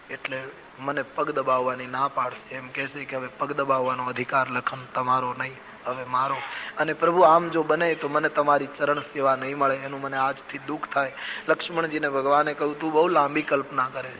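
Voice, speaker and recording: A man's voice: on the high side, pushed and bright, a little hiss or hum, poor audio. An older man preaching a devotional sermon, telling the story with sung verses and chanted calls. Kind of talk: Ram Katha sermon.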